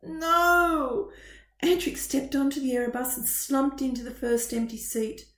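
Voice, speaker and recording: A woman reading a storybook aloud, expressive and even in her telling, her voice sitting a little high. The recording has a roomy echo around it. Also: normal speed. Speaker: narrator.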